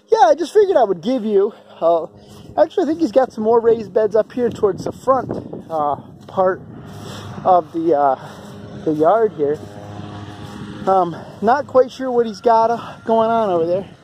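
A man's voice: high-pitched, very animated, unhurried, warm tone, slight background noise. Man vlogging outdoors on a farm. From upstate New York. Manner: rambling, many fillers, enthusiastic. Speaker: homestead vlogger. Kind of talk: casual walking tour vlog. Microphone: handheld camera at arm's length.

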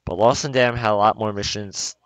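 Slangy New guy gaming, low voice. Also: steady tone, brisk, no echo. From New York. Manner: slangy, profane, rambling. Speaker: let's play gamer. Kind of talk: casual gameplay commentary. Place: at home.

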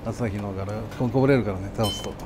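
A man's voice: on the low side, quick pace. A man working as a chef, talking casually but politely with customers and staff in an exacting, explanatory way. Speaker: sushi chef and restaurant owner. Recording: clear kitchen and restaurant background noise.

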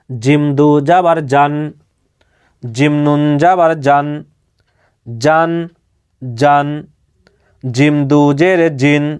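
A man teaching Quran reading, slowly spelling out each syllable and patiently repeating it twice. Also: fairly high pitch, a little mellow, smooth. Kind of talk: slow spelling-out recitation lesson.

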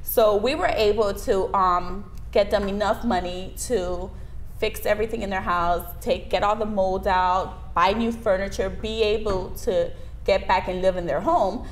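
A lawyer from Miami answers interview questions conversationally, seated at a desk in a small indoor video studio and wearing a lapel mic. Her medium-pitched voice is unhurried with fairly even intonation, and the studio recording is noisy.

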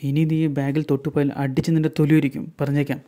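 A man's voice: on the high side, flat delivery, quick pace, mellow, natural voice. A man voicing the lines of an angry, stubborn young mother in a retold serial story, scolding sharply.

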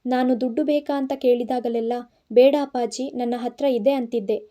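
Woman reading an angry father in an audio story, stern, scolding, raised voice, mellow tone. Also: a little high, steady tone, moderate pace, natural voice. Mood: furious scolding. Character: stern angry village father, middle-aged man.

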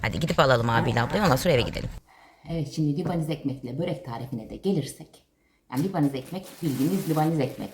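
A mother vlogging casually, coaxing and calling to her dog in a high sing-song voice. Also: animated, racing, a little hiss or hum. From Turkey. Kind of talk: casual family vlog.

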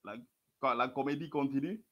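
A man with a medium-pitched voice talks fairly fast, the audio lo-fi, as he sarcastically mocks a replayed religious debate. He keeps urging his listeners to follow along with the clips.

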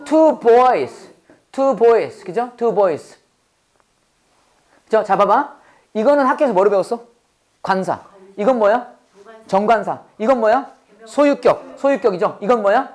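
Woman teacher in a classroom, lively drilling lecture with a very animated voice. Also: a little high, slow, pauses often. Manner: lively, call-and-response drilling with laughs. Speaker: English teacher. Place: classroom with students.

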